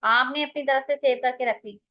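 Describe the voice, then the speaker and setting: A woman's voice: high voice, steady tone, moderate pace, muffled recording. A woman with an Indian English accent teaching English grammar in an online class, mixing Hindi and English and calling her students "beta".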